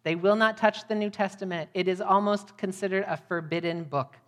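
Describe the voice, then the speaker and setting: Speaking at a medium pitch and a brisk pace, a Midwestern American woman addresses a congregation as a guest missionary preacher. A long reverb from the hall hangs on her sermon.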